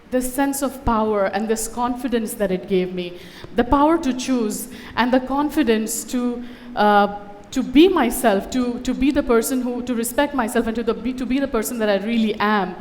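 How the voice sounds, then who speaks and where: On a conference stage before an audience, a woman who grew up in Dubai gives a witty, conversational personal talk full of wry asides. Her voice sits fairly high with a darkish tone, and the sound carries the feel of a big room.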